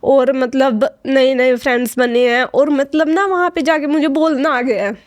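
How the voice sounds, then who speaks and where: A young woman with a high voice tells her story in a podcast interview. She sounds choked up, close to tears, and halts often, filling gaps and restarting. The sound is dry and close, with no room in it. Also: fairly even intonation, moderate pace, dry recording. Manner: hesitant, many fillers and restarts. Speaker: fashion design student.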